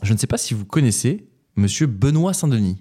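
Un homme qui anime un podcast en discussion détendue, taquin et prompt à rire. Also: male voice, mid-range voice, very animated, brisk, mellow, breathy edge. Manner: laughs often, teasing. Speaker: podcast host. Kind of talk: casual chat.

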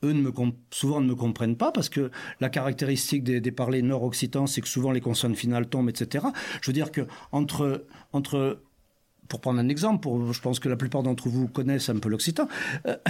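A man's voice: mid-range voice, fairly even intonation, fairly quick, darkish tone. A man with an Auvergnat accent in a group discussion, often restarting and repeating words as he argues his view. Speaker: discussion participant.

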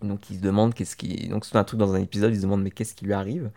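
A man's voice: fairly low pitch, little pitch movement, racing, creaky, mellow. A man chatting casually as a podcast co-host, telling a long story with many restarts and hesitations. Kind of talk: casual chat about a TV series.

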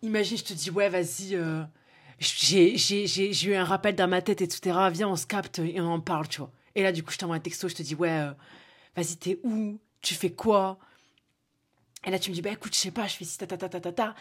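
A woman's voice: on the low side, fairly even intonation, fairly quick, husky. A young woman with a Toulouse accent, telling a spontaneous story on her podcast and talking straight to the listener. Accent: Toulouse, southern French. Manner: spontaneous, chatty, addresses listener directly, many fillers. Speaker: podcast host. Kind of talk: casual solo podcast storytelling.

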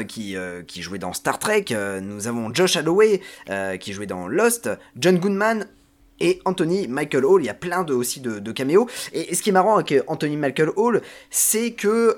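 A man talking casually on a podcast as a panelist, presenting a TV series with many hesitations and filler sounds. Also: fairly high pitch.

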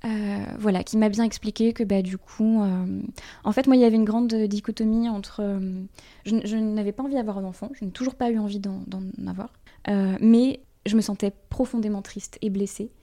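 A woman guest in a podcast conversation, speaking candidly in a halting way, with many fillers and frequent laughs. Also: mid-range voice, steady tone, mellow. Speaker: interview guest, brand designer.

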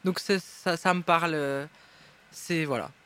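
Bright, high-voiced man. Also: steady tone, a little slow, clear, resonant tone. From Belgium. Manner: enthusiastic, rambling with frequent restarts. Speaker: guest singer. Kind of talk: casual interview chat. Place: restaurant.

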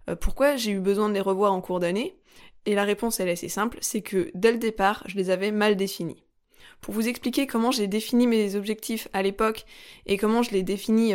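A woman hosting a solo podcast, explaining things calmly and step by step with frequent fillers. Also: medium pitch. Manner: calm, methodical, step-by-step teaching with frequent fillers. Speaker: podcast host.

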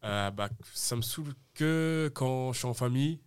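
A man's voice: medium pitch, moderate pace, clean tone, dry recording. A young man chatting casually as a podcast guest, slangy and rambling, laughing easily. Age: young adult. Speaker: guest, street-interview video creator.

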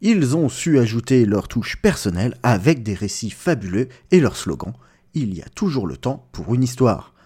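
A man's voice: mid-range voice, sing-song, normal speed, a little mellow, slightly rough. A man playing an upbeat morning newsreader on a Christmas elves' radio station, reading a scripted comic bulletin in a playful announcer manner. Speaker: radio news presenter.

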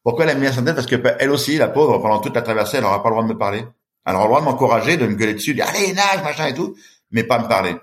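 With a medium-pitched voice and a very fast delivery, a middle-aged man guests on a podcast. He's a long-distance swimmer, and he animatedly tells a story, performing the voices of its characters.

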